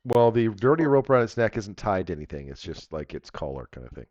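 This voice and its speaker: Low-voiced man running a tabletop game, muffled audio. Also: sing-song, fast, a little mellow, dry recording. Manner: casual, jokey, swears. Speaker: game master. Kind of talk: narrating and refereeing a tabletop game. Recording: dull lo-fi audio.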